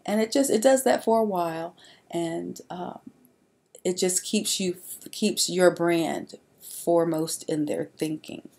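A woman's voice: on the low side, measured pace, gravelly, darkish tone. A woman narrating a slide presentation in an informal way, with frequent fillers and restarts. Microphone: voice-over on slides.

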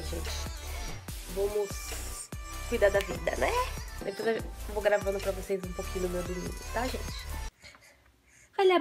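A woman with a Brazilian accent, a mother chatting casually to her viewers in a home vlog while cooking and doing chores. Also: fairly high pitch. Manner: chatty, often addresses viewers as "gente". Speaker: vlogger and mother.

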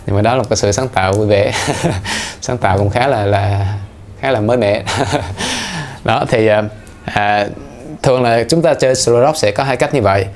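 A man teaching guitar in a casual, playful way, counting the beats aloud as he explains. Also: lowish voice. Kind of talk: casual instructional talk. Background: guitar playing.

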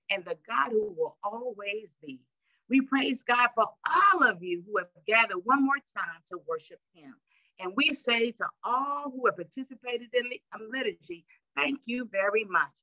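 A woman's voice: a little high, lively intonation, normal speed, sharp tone, no echo. Woman pastor, sermon, scripture reading, stretched words, dull dry sound. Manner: call-and-response preaching, stretches words for emphasis. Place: church sanctuary.

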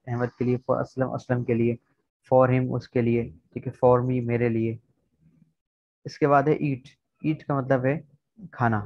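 Flat-voiced male teacher on a call. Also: medium pitch, no echo. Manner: explains word by word, often checking with "theek hai". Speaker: English teacher. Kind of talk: online vocabulary lesson. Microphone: video call. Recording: dull, slightly lo-fi online call recording.

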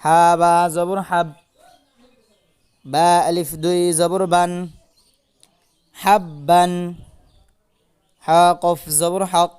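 Male Quran reading tutor, high voice, spells each letter and vowel mark and chants the syllable, adds short rules. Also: flat delivery, extremely slow, pauses often, darkish tone, smooth. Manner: adds brief spoken rule explanations between drills. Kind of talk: slow spelled-out Quran recitation lesson.

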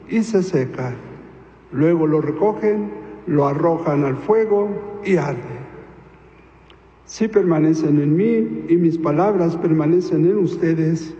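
A man in the role of priest proclaims the Gospel in a solemn, measured cadence, his mellow voice unhurried. A long cathedral echo trails each phrase through the large church. The recording is dull and lo-fi. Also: fairly high pitch. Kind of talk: liturgical Gospel reading. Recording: echoey church reverb, dull lo-fi sound.

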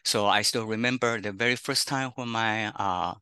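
A middle-aged Taiwanese man, Chinese his first language and Taiwanese accent audible, presents an online career workshop as a counselor over a video call microphone. His fairly low voice is sharp and clean at a moderate pace, with no echo, and he chats along, often tagging "okay, huh?"

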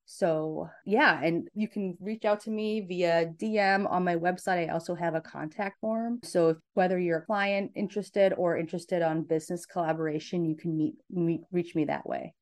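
Woman in her thirties, podcast guest, chatty, restarts a lot, lowish voice. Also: fairly even intonation, moderate pace, few pauses. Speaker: podcast guest, sleep consultant. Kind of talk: casual interview chat.

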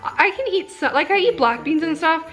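A woman's voice: extremely high pitch, animated, normal speed, a bit bright, faint music behind. A woman vlogger chatting casually and upbeat in her mom's craft room, full of "like" fillers and laughs. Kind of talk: casual vlog chat with a sponsored product segment.

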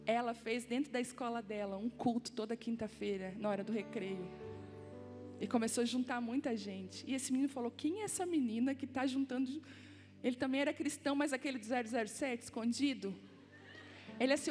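A woman, preaching a sermon as personal stories full of asides to the audience. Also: sits high. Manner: storytelling, animated and personal, laughing asides to the audience. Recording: long hall reverb with soft music.

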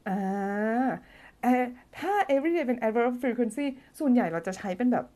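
Picked up by a phone or desk streaming mic, this woman's fairly high, dark-toned voice moves at a measured pace with lively intonation. She's running an English grammar lesson live, reading out comments from viewers. She keeps it chatty and playful, laughing a lot and humming as she thinks aloud.

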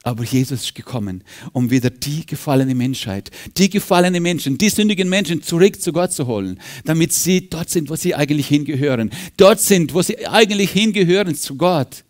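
Fervent male preacher with a higher voice. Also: animated, a little fast, few pauses. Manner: fervent, with sudden loud rises and hushed drops. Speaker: pastor. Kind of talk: sermon. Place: church service.

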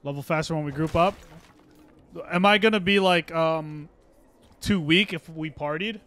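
A young man livestreaming a game chats casually as he plays. His voice sits a little on the high side. He jokes and reacts loosely to what happens on screen. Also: moderate pace, a bit bright. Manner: joking, chatty reactions to the game. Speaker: livestream gamer.

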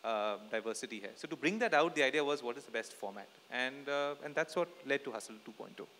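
Indian man, English-Hindi mix, lowish pitch, quick pace, executive panel answers, reverberant hall. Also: lively intonation, fairly bright tone, a little hiss or hum. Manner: mixes English with Hindi phrases. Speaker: TV channel executive on a press panel. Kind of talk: press conference answers. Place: indoor stage at a press event. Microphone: handheld microphone. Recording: echoey hall over PA.

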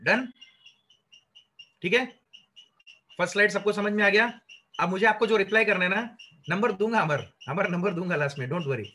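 Bright high-voiced man lecturing students. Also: moderate pace, long pauses. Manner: lively, rhetorical questions, mixes English into Hindi. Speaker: career trainer.

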